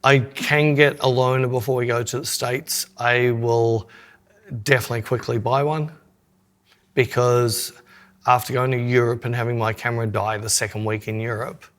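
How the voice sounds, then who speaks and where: A man's voice: mid-range voice, flat delivery, moderate pace, fairly bright tone. A man with an Australian accent co-hosting a podcast, chatting casually in a rambling way. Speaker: podcast co-host.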